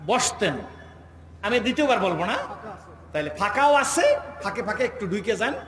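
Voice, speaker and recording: High-voiced preacher on an echoey outdoor PA. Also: male voice. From Bangladesh. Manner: teasing, calls on the crowd to shout back. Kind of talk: sermon. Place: outdoor religious gathering on a school field. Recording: echoey outdoor PA with crowd noise.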